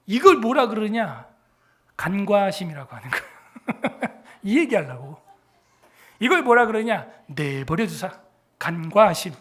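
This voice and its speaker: A man in his forties preaches in a church, talking like he is chatting with the congregation and cracking jokes. His voice sits high and comes through bright and forceful. He drops to quiet mutters and then bursts out loudly. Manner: conversational, joking, swings from muttering to loud exclamations. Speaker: pastor. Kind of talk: sermon. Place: church sanctuary.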